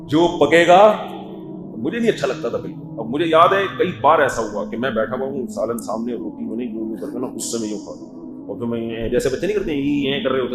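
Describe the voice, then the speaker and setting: Animated man preaching in an echoey hall. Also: mid-range voice. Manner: animated, rising to emphatic loudness, acting out family scenes. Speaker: Islamic preacher. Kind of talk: religious lecture.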